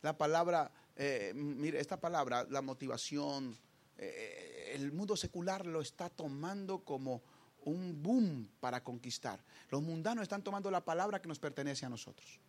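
A man preaching a sermon with passion, repeating phrases for emphasis and swinging from quiet talk to shouting. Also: fairly high pitch, expressive, normal speed.

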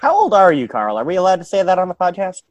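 A man in his early thirties on a podcast, joking dryly with deadpan timing. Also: high voice, dry recording, highs cut off. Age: 30s. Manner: dry, deadpan joking with "uh" pauses. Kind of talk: casual chat.

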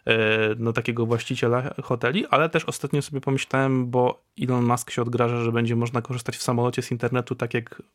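A man hosting a podcast, asking questions and summing up in a measured, conversational way. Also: medium pitch, little pitch movement, no room sound. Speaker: podcast host. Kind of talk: podcast interview.

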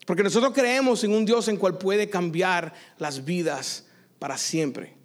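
A man preaches at a church service in a high, bright-pitched voice. He tells his story with lively energy and drops in quick English phrases now and then. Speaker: pastor. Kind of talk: sermon with a personal story.

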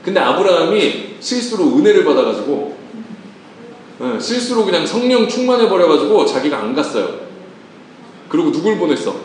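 A man preaching a lively, joking sermon and putting questions to his congregation. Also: high-pitched, a little hiss or hum. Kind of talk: lively sermon with acted-out quotes. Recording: echoey room, voice from a distance.

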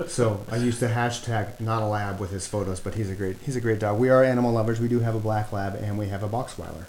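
A man's voice: fairly low pitch, steady tone, fast talker, a little mellow. A middle-aged man hosting a casual podcast, rambling with many fillers and restarts. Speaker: podcast host. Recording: echoey room, faint background noise.

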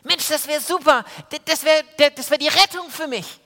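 Man doing timid lonely sick woman, anxious stammering, raised pitch, bright tone. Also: normal speed, long reverb tail, full character voice. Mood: hopeful.

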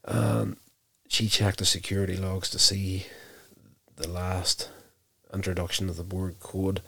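Deep gravelly man recapping an episode. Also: completely flat delivery, sharp tone, no echo. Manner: unhurried, self-correcting storytelling.

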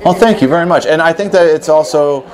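A man's voice: on the high side, fast talker. A man from a theater company speaking in an earnest, inviting way in an interview. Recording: loud crowd behind.

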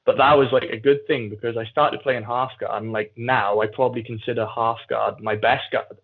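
Speaking as a podcast guest, a jiu-jitsu athlete with a South Wales Valleys accent recounts things in a casual, candid, conversational way. His husky, mid-range voice holds a fairly even intonation at a moderate pace, over muffled, phone-like call audio.

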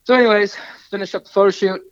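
A man's voice: sits high, fairly even intonation, fast, clear, resonant tone, no echo, highs cut off. A young man from the Pacific Northwest, a documentary photographer, telling a long rambling story as a guest in a casual radio interview. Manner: rambling, chatty storyteller full of restarts and asides.

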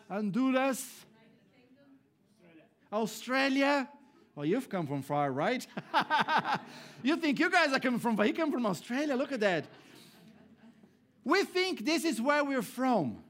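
High-voiced pastor preaching. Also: male voice. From Brazil. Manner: preaching with swings between raised emphatic lines and low hushed ones. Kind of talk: sermon. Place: church hall before a congregation.

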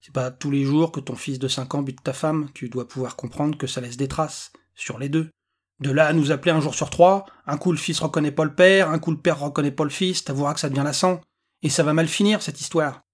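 A man voicing a tired, matter-of-fact female police officer, dry and curt, with a husky voice, in a read-aloud story. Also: on the high side, steady tone, brisk. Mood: weary.

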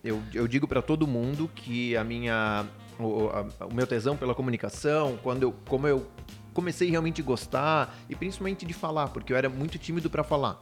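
Male podcast host, mid pitch, casual and hesitant in his phrasing. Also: fairly quick, soft background music. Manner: hesitant, with many restarts and warm agreement. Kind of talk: casual interview chat.

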